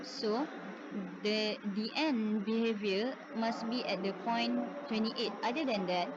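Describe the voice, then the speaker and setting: A woman's voice: fairly high pitch, unhurried. A young woman student giving an explanatory presentation of a project. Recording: dull, very noisy recording.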